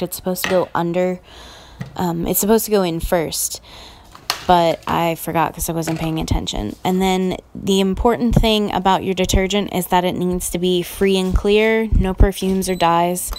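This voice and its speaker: A woman's voice: medium pitch, darkish tone, slight background noise. A young woman in her twenties recording a casual voice-over that explains her process step by step. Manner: plain, explaining steps. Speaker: vlogger.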